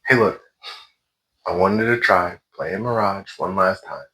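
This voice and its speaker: Man, somewhat low pitch, forceful bright tone, animated casual storytelling, exasperated ranting, frequent swearing. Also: a little slow.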